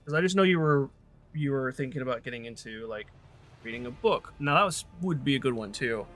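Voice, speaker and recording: A man's voice: mid-range voice, expressive, brisk, fairly bright tone, soft background music. A man streaming a video game, chatting casually and thinking aloud in a rambling way with lots of fillers. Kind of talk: casual gaming stream chat.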